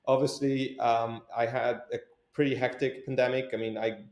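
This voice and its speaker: With a flat delivery at a moderate pace, the young Swiss man's medium-pitched voice has a slightly mellow quality. As an entrepreneur guest in an echoey room, he responds to interview questions tentatively, with frequent fillers and restarts.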